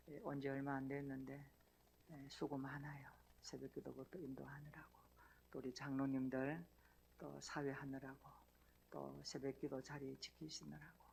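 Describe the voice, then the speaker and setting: A man's voice: on the high side, vocal fry, slight background noise. A male pastor preaching a sermon in a church, folksy and joking with the congregation. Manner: folksy, tells jokes and invites the congregation. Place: church sanctuary.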